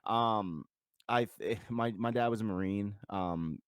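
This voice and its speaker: A man's voice: lowish voice, slow, clean tone, no room sound, clean studio sound. A man, a podcast guest telling casual stories in a rambling, profane way full of filler words. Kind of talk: casual storytelling chat.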